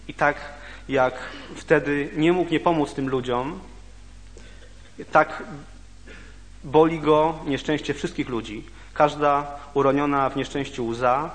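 A man preaching a sermon, reading scripture aloud, then reflecting on it, often halting and repeating words. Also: mid-range voice. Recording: long reverb of a hall.

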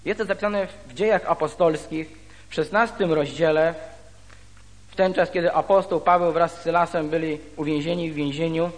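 A man preaching a sermon. He reads scripture aloud and then explains it slowly, with pauses. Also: a little high, steady tone. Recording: reverberant hall.

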